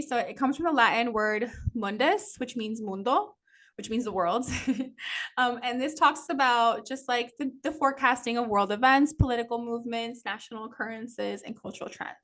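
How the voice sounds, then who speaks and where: A woman's voice: fairly high pitch, normal speed, fairly bright tone. A woman teaching a casual class, chatty and loose, full of "like" and "um" and frequent little laughs. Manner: chatty, peppered with "like" and "um", laughs often. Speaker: astrology teacher.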